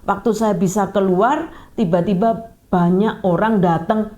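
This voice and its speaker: A woman in church ministry telling her own testimony in a lively way, acting out her own cries and prayers. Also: medium pitch, measured pace, highs cut off.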